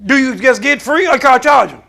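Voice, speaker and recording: High, bright-voiced preaching man. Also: fairly quick, creaky. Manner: call-and-response preaching that builds to shouting. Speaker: pastor. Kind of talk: sermon. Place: church sanctuary.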